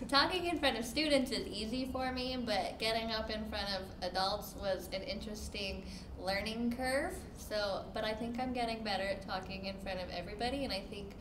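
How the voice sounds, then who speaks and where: A woman's voice: mid-range voice, normal speed. Young woman, upbeat interview answers, echoey classroom, noisy. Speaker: paraeducator and student. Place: classroom, indoors. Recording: echoey classroom with audible noise.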